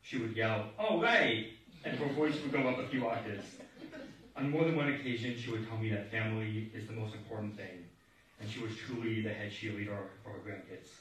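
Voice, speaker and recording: Man, lower register, steady reflective eulogy reader; echoey hall, distant mic, faint noise. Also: a little fast. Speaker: grandson giving a eulogy. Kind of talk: read eulogy. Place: large echoey hall at a memorial service.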